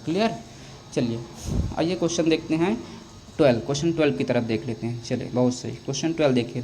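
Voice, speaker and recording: A man teaching an English grammar lesson to students, asking questions and answering them himself, often stretching words out slowly. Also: mid-range voice, mellow, a little hiss or hum.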